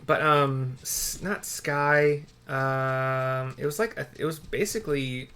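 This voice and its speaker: A gaming streamer offers casual commentary while he plays, rambling and muttering to himself. His mid-range voice is smooth with a sharp tone, and he speaks slowly. Faint noise and keyboard typing can be heard.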